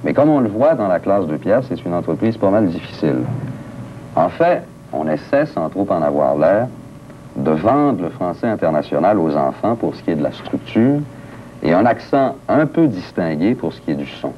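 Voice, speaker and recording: A man with a Québécois accent narrating a documentary in a deliberate, ironic way. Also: low-pitched, sing-song, a little hiss or hum. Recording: dull old broadcast recording.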